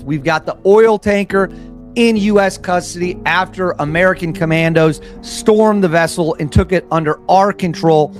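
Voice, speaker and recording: A man with a fairly high, slightly hoarse voice delivers opinionated news commentary, reading reports aloud and driving his points home by stressing and repeating them.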